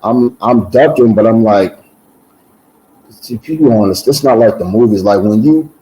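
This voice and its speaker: Low, mellow-voiced man telling his story. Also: moderate pace, low-quality recording. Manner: animated, repeats words and restarts with many "um"s. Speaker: guest giving a testimony. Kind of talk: casual personal storytelling.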